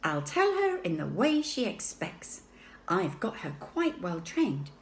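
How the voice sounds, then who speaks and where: A woman's voice: fairly low pitch, huge pitch swings, slow pace, roomy sound, a little hiss or hum, full character voice. A woman reading a children's book aloud, voicing a newborn baby boy who talks like a superior, matter-of-fact adult. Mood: smug.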